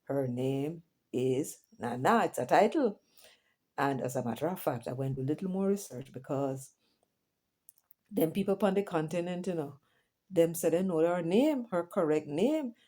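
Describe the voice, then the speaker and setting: A middle-aged Jamaican woman with a low, dark voice and lively intonation hosts her vlog at normal speed. She chats casually to viewers in a commentary monologue, moving between patois and English and dropping in chatty asides.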